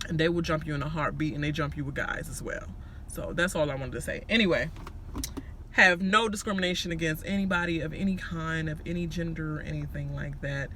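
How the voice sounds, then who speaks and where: A man's voice: a little high, pushed and bright, slight background noise. A man with a Washington, D.C. accent gives a casual, gossipy recap with sassy, slangy, profane commentary. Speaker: reality show recapper.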